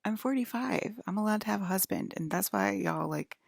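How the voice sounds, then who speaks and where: A woman in her forties gives a rambling vlog monologue directly to viewers, scolding and defiant, with "okay?" and "right?" after almost every point. She speaks a little fast in a gravelly, mid-range voice, recorded at studio quality with no room sound.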